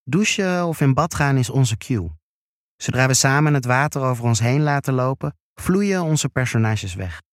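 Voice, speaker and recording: Hushed man reading an erotic story. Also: medium pitch, expressive, normal speed, no echo, studio quality. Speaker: narrator.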